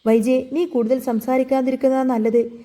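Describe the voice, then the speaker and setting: A woman's voice: high voice, flat delivery, moderate pace, mellow, natural voice. A woman narrator voicing a stern, commanding older man who heads the household in a storybook retelling.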